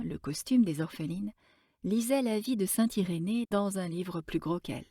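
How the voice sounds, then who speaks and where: A woman storyteller reading a classic tale aloud with gentle, expressive narration. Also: on the low side, dry recording, clean studio sound.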